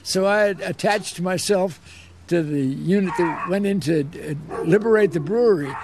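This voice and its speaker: Old american guy, war vet remembering stuff for an interview, slightly high voice, bit of noise behind. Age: 80s or older. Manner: old veteran remembering, unhurried storytelling with repetition for emphasis. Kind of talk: reminiscing in an interview.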